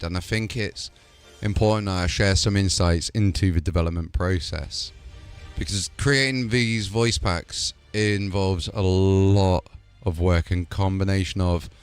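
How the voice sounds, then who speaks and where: With a smooth, low voice, a man hosting a gaming channel chats casually and enthusiastically about game add-ons. The talk is a relaxed showcase that ends in a promotional wrap-up.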